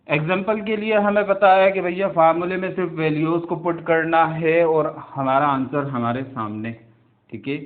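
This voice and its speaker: A man teaching English grammar in a video lesson, drawing out words and checking in with his students again and again. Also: on the high side. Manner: drawing out words and repeating "theek hai" and "bhaiya" to check in with students. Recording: tinny phone-like sound.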